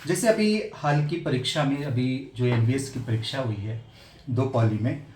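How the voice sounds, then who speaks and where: A male teacher giving an earnest exam-prep lesson, repeating his points and pausing with hesitation fillers. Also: mid-range voice, a little mellow, echoey room, slight background noise.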